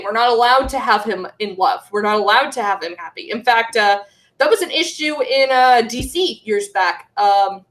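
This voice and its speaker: A woman's voice: a little high, fairly bright tone. A woman who is a guest on a podcast, chatting casually and ranting at length. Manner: ranting, talkative. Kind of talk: casual chat. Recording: roomy echo.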